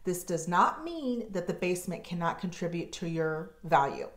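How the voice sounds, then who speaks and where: A woman in her forties with an American accent, a real estate agent hosting her channel, explaining to camera in a measured, informative way with slow deliberate emphasis. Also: lowish voice, sing-song. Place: home office, indoors. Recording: roomy office echo.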